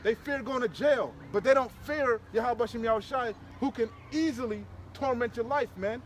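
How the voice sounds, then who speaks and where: At normal speed and with an extremely high-pitched voice, a street preacher leads a scripture discussion, reacting to verses read aloud with fiery, informal preaching. He is emphatic, repeats himself, and uses lots of slang. Recorded outdoors with clear traffic sounds.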